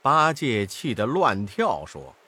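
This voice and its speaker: Slow, expressive storybook narrator, man. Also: mid-range voice, husky.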